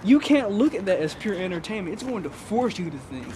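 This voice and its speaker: A young college student chats while walking outdoors at night, rambling and laughing between his thoughts. His voice sits high. Passing traffic fills the street behind him on a handheld camera. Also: sing-song, a little fast. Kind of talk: casual chat while walking.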